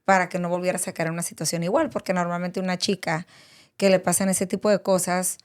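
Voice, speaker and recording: A woman's voice: lowish voice, little pitch movement, quick pace, clear, resonant tone. A woman hosting a podcast, an empathetic interviewer who asks probing follow-up questions and affirms often. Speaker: podcast host.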